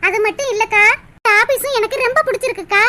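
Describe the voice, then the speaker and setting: A woman's voice: extremely high pitch, quick pace. A woman voicing a young woman who has just started office work. She speaks politely and deferentially. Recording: noisy recording with steady hiss.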